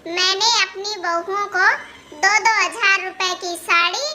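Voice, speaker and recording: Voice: very high-pitched, steady tone, slow, exaggerated voice. A performer voicing a chatty, boastful older neighbor woman in a cartoon comedy. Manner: chatty, bragging. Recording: loud background noise.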